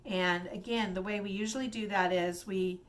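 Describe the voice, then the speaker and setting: A woman's voice: medium pitch, fairly even intonation, normal speed. A woman teacher casually explaining reading games to fellow teachers, chatty and rambling with many fillers and restarts.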